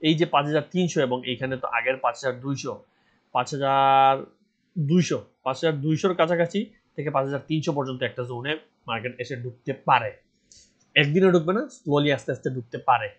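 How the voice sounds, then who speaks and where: A man's voice: mid-range voice, fast, fairly bright tone. A man from Bangladesh giving casual stock market commentary, earnest and insistent, repeating his advice. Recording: dull lo-fi voice recording.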